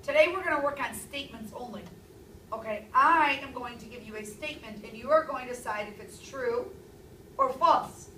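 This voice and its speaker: A woman in her thirties teaching a classroom language lesson, speaking clearly and stressing key words. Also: on the high side, moderate pace, pushed and bright, slight background noise. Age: 30s. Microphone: far camera. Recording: echoey classroom from far off.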